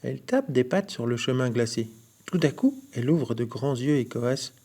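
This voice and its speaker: A man reading a children's picture book aloud for a library, expressive, with playful sound effects. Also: medium pitch, normal speed. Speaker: library storyteller.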